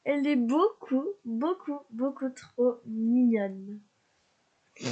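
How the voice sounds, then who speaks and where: A woman casually commentating her life-simulation gameplay, chatty and excitable, talking to her characters, sniffly from a cold. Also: sits high, measured pace, highs cut off. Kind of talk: casual let's-play commentary.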